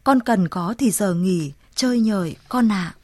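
A woman reading aloud and voicing a frail, dying mother who speaks in a weak, sighing hush. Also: medium pitch, measured pace, no room sound, voice pushed down, natural voice. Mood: tender.

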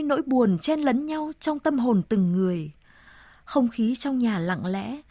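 Slow, solemn woman storyteller. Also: high voice, a little mellow, no room sound, clean studio sound. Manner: slow, measured, solemn reading. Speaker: narrator. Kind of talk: scripted storytelling narration.

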